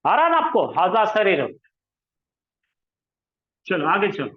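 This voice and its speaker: A man's voice: sits high, huge pitch swings, slow pace. A male teacher, leading a classroom lesson and coaxing students to repeat words aloud. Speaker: Arabic grammar teacher. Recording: roomy, dull lo-fi sound.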